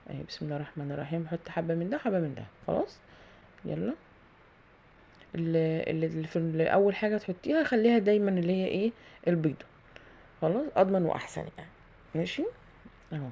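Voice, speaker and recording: Gravelly Egyptian woman chatting while cooking. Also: on the low side, mellow. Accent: Egyptian Arabic. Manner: chatty, thinking aloud with frequent fillers and pious phrases. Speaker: home cooking video host. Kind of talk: casual cooking tutorial narration. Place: home kitchen.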